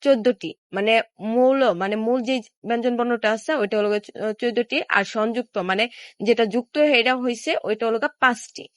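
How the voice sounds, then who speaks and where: A fairly high-voiced woman with a Bangladeshi Bengali accent teaches a beginners' lesson in a relaxed, conversational way. She keeps asking a question and then answering it herself, patiently going over each point. The sound is dry and close, with no room around it. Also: dry recording. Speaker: Korean language tutor. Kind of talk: casual spoken lesson.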